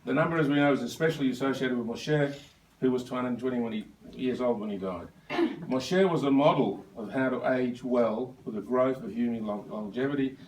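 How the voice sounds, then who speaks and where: A man's voice: mid-range voice, a little fast, a little mellow, slight background noise. A man, giving an anecdotal speech at his birthday lunch. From Australia. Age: 70s. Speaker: birthday speaker. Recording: echoey room, voice from far off.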